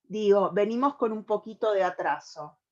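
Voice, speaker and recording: An Argentine woman presenting on a radio program, explaining at length and pausing often on fillers as she gathers her thoughts. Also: medium pitch, dark tone, dull audio. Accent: Argentine Spanish. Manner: thoughtful, with many hesitations and restarts.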